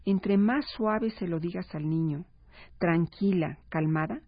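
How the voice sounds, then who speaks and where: Husky woman explaining calmly. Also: lowish voice, measured pace, dry recording. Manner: calm, explanatory, acts out parents and children. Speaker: parenting expert guest. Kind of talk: radio talk show conversation. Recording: slightly dull radio broadcast sound.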